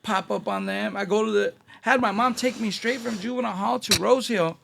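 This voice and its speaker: A man with a Los Angeles Chicano accent spins slangy street stories in a loose interview. His voice sits high and carries a heavy gravelly fry, and he slips into the voices of the people he quotes. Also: brisk, fairly bright tone. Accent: Los Angeles Chicano English. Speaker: guest. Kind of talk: casual storytelling interview.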